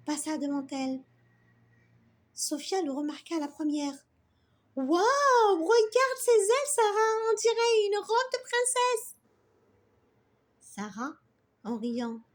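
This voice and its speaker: A woman tells a children's story in a very high voice, unhurried and lively. Her pitch rises and falls to paint each moment. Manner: slow, expressive reading.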